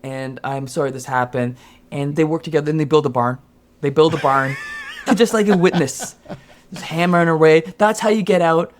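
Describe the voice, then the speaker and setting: A man co-hosting a casual podcast chat, telling stories in an animated, jokey way. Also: a little high, brisk. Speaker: podcast co-host.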